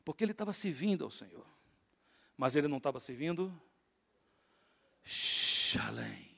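Man, Northeastern Brazilian accent, pastor, sermon, call-and-response, high voice, long reverb of a church hall. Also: lively intonation, quick pace, a little mellow. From Natal, Northeast Brazil. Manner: rhetorical questions, call-and-response with congregation. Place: church sanctuary.

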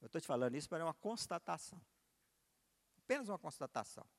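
A man's voice: on the high side, very animated, fast, vocal fry, long reverb tail. A man preaching a sermon, telling a personal story and acting out its dialogue with big swings in voice and volume. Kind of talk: sermon with acted testimony.

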